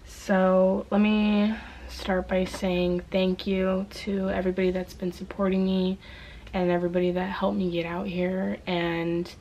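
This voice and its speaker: A woman's voice: mid-range voice, level tone, unhurried, slight background noise, poor audio. A young woman in her messy bedroom talking casually to the camera, emotional and close to tears, with many ums. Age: young adult. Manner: emotional, tearful, soft-spoken with many ums. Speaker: vlogger. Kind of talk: casual heartfelt vlog.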